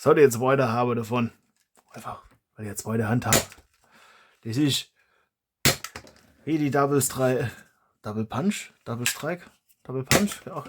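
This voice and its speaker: A man's voice: medium pitch, measured pace, long pauses, background noise. A man, a hobby YouTuber chatting casually as he reviews toy blasters, rambling and correcting himself aloud.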